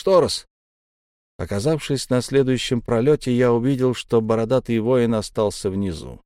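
Man narrating a tense audiobook with a dark tone. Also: medium pitch, no echo, clean studio sound.

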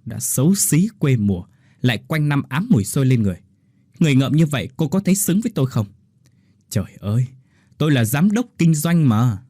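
A man's voice: medium pitch, sing-song, brisk, mellow, dry recording, clean studio sound, voice pushed up. A man voicing an arrogant, angry husband who scolds his wife harshly and with contempt. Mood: contemptuous anger. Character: angry arrogant male sales director husband.

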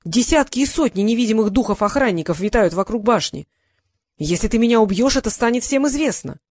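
A woman voicing a quick-witted, nervous young male apprentice mage in an eager, raised voice. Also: on the high side, animated, a little mellow, no room sound, studio quality.

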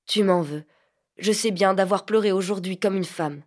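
A woman's voice: medium pitch, normal speed, darkish tone, close to an everyday voice. A woman voicing an anxious, lovesick teenage boy in an audiobook, pleading and tender.

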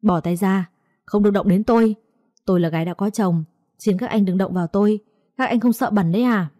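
A woman's voice: medium pitch, fairly quick, warm tone, dry recording, studio quality, natural voice. A woman reading aloud, voicing a young wife who pleads and resists. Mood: defiant. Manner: pleading, defiant. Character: frightened young wife pleading for her husband.

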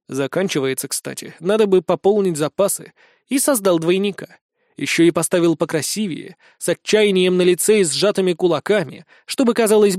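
Man, audiobook narrator, high voice, dry close sound, wry sardonic asides. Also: darkish tone, no room sound. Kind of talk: scripted first-person fantasy narration.

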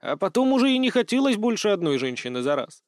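A man's voice: high voice, big pitch swings, quick pace, dry recording. Male audiobook narrator, dry close sound, wry delivery. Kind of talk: first-person audiobook narration.

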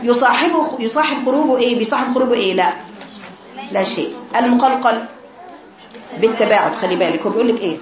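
A woman with an Egyptian accent teaching tajweed to girls, slowly repeating sounds to demonstrate and correcting mistakes. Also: fairly high pitch, roomy sound, a crowd in the background, rough recording. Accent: Egyptian Arabic. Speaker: Quran recitation teacher.

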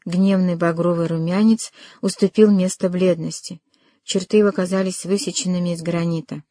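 A woman with a low, dark, mellow voice reads a novel aloud in a measured, dramatic way. The recording is dry and close, made at a studio mic. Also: steady tone, dry recording. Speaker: audiobook narrator. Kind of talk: scripted literary narration.

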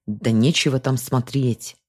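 A woman's voice: rumbling low, fairly even intonation, a little slow, breathy edge, exaggerated voice. A woman doing a nervous, defensive young husband. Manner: evasive, later hissing threats.

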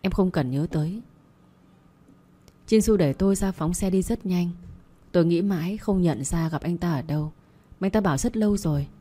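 Brief: a woman storyteller, soft dark tone, steady and calm. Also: on the low side, brisk. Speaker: audiobook narrator. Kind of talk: first-person story reading.

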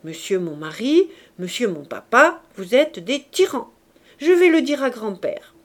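A woman reading aloud, voicing a playful young bride who teases and pouts in a raised, lively voice. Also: a little slow, close to an everyday voice. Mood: pouting. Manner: pouting, teasing, high and bright.

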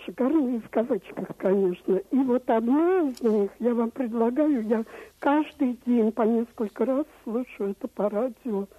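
Lady caller on a crackly phone line, slightly husky, fairly high voice, chatty with a dry ironic edge. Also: moderate pace, no echo. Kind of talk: phone-in question. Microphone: telephone.

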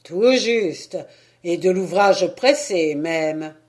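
A woman's voice: fairly low pitch, expressive, drawn-out words, a little mellow. A woman voicing a good-natured country priest who speaks firmly and jokes easily. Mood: easygoing. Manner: firm, easygoing, joking.

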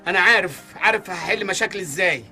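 Comic radio serial lead: a broke, quick-tempered Egyptian husband, sarcastic, talking very fast and high. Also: male voice, pushed and bright, faint music behind. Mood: scolding. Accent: Egyptian Arabic. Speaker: struggling husband and father.

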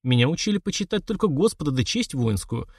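A man's voice: on the high side, sing-song, quick pace, a little mellow, breathy edge, dry recording, studio quality. A man playing a proud, blunt young Cossack in an audiobook.

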